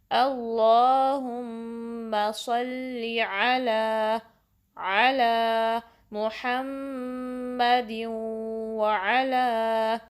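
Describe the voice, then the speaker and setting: A woman with a fairly high voice gives a patient, step-by-step recitation lesson. She explains how each sound is formed, then recites the words slowly, stretching the syllables out. She keeps checking in with her listeners as she goes. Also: darkish tone. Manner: keeps checking in with "theek hai". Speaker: Quran recitation teacher.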